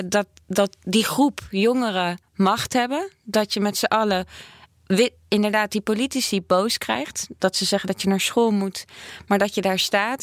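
A woman's voice: mid-range voice, dry recording, clean studio sound. A woman in her thirties in casual conversation, speaking in a thoughtful, candid way as she searches for her words. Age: 30s. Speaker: host.

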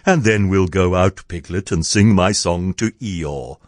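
A man voicing an amiable, slow-witted toy bear in a children's storybook, speaking in a simple, earnest, ponderous way. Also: low voice, no room sound, studio quality. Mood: happy, amiable. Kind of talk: children's storybook character reading.

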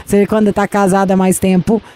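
A woman's voice: medium pitch, flat delivery, a little fast, darkish tone. A woman with a Brazilian accent hosting a radio show in casual, teasing banter, brash and bossy. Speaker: radio host.

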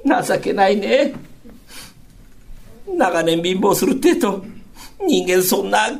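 A male rakugo storyteller voicing a patient, scolding Edo working-class wife, in soft, chiding old speech. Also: high voice, expressive, slow pace, vocal fry, exaggerated voice.

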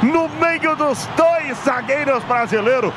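A Brazilian man giving explosive football goal commentary on radio, with drawn-out calls and emphatic repetition. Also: extremely high pitch. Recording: loud music and crowd noise behind. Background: music and stadium crowd.

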